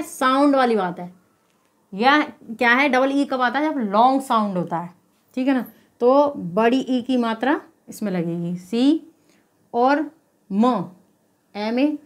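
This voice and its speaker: In a spelling lesson, a female teacher works through each step with patience, posing her own questions before supplying the answers. She keeps asking "okay?" to check in, in a voice that's on the high side and a bit bright.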